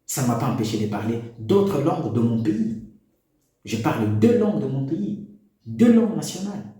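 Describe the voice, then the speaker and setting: Very animated yet moderately paced, a Congolese man with a warm, medium-pitched voice preaches to parents in an opinion monologue to camera. He speaks a Congolese national language as his first language, exhorts with a string of rhetorical questions, and is recorded in an echoey room.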